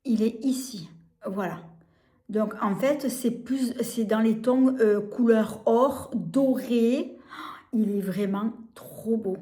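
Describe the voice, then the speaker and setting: A French woman showing makeup on camera, gushing about each product and filling pauses with hesitations and repeated words. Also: fairly high pitch, dark tone. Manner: gushing, enthusiastic over products. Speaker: beauty vlogger. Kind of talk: casual product demo. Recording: echoey room.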